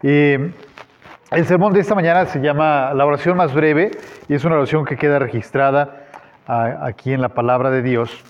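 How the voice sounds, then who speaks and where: A man pastor giving a sermon in a conversational way, pausing with fillers and acting out the quoted words. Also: on the high side, fairly even intonation, highs cut off.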